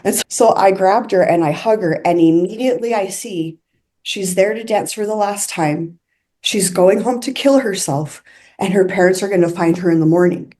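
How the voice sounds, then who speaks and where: A woman's voice: mid-range voice, moderate pace, warm tone. A young woman casually telling a personal story in an earnest, confiding way, full of "like" fillers. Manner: chatty, many fillers like "like" and "I'm like".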